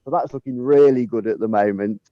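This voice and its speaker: A man's voice: medium pitch, brisk, no echo, lo-fi sound. A man, the head gardener, chatting casually outdoors in a sunny garden as he films on a handheld phone, chuckling often between ums. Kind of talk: casual garden tour chat. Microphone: handheld phone camera while walking.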